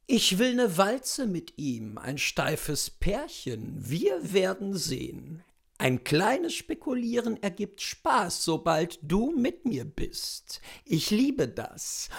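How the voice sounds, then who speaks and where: In a room lined with bookshelves, a woman reads song lyrics aloud as if they were poetry, in a mock-serious, declamatory style that stretches out each word. Her medium-pitched voice is creaky and husky, moving slowly through huge swings in pitch.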